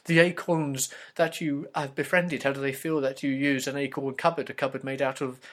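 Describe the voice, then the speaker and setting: A man's voice: mid-range voice, level tone, moderate pace, a bit bright, lightly acted. A man voicing a prying, fussy mother who keeps asking nosy questions. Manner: prim, probing, fussy questions. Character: nagging prying middle-aged mother.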